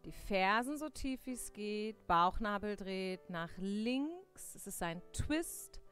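A young woman teaching a live yoga class, giving clear step-by-step cues on breath and posture, with playful corrections to her students. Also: medium pitch, expressive, takes it slowly, a bit bright. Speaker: yoga instructor. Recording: faint music behind.

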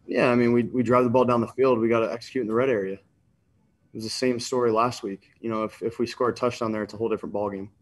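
A man's voice: mid-range voice, steady tone, quick pace. A young man in his twenties, a quarterback answering questions at a postgame video press conference in a subdued way, with many ums and stock phrases. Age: 20s. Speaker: football quarterback. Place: indoors in front of a sponsor backdrop. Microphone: desk mic on a video call.

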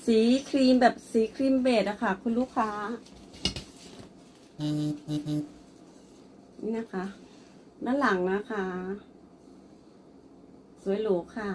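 A woman's voice: fairly high pitch, slow, pauses often, a little mellow, a little hiss or hum. A woman presenting and selling a blouse, speaking politely and addressing the customer often. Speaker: online clothing seller. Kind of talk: product showcase sales pitch.

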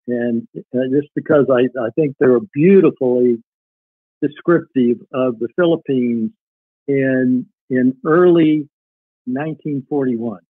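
Reading a relative's wartime letters on a podcast, an older man speaks in a slightly high, breathy voice between stretches of interview conversation. The recording is dry, with the thin, tinny quality of a phone call.

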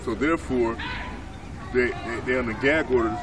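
A man's voice: medium pitch, normal speed. A man in his forties, a minister, answering questions in a street interview in a city park, explaining earnestly and leaning on "so therefore". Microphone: camera mic at a few feet. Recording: distant outdoor mic, crowd noise behind.

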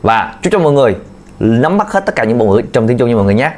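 A man's voice: medium pitch, very animated, very fast, a little mellow. A man teaching a video language lesson, patiently repeating key points to his learners. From Vietnam. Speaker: Chinese teacher.

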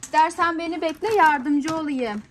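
A high-pitched woman speaks at a normal pace, with slight hiss or hum in the background. Sitting on a living-room sofa indoors, she does a playful toy unboxing for a small child, encouraging them and asking lots of questions.

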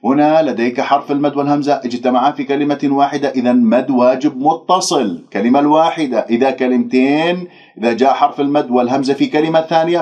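Male recitation tutor, mid-pitched. Drills sounds slowly, explains rules crisply. Muffled, lo-fi recording. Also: a little mellow. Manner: corrective, drills single syllables slowly, then explains rules briskly. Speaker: Quran recitation teacher. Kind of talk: pronunciation lesson. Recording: dull lo-fi recording.

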